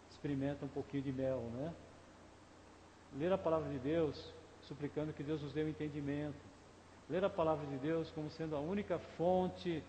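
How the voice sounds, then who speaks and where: A man's voice: on the high side, dark tone, slight background noise. A male pastor with a Brazilian Portuguese accent preaching a conversational sermon, often asking the congregation questions. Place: church sanctuary. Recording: echoey church hall, faint ambience.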